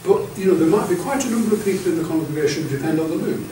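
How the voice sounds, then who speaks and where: Rapid-fire and animated, this older man's fairly high, warm voice carries an anecdotal training talk for clergy, which he leads as bishop, restarting often with stammered repeats. The clip was recorded on a far-off camera in a classroom-sized meeting room with a projector screen, leaving echo and a little hiss.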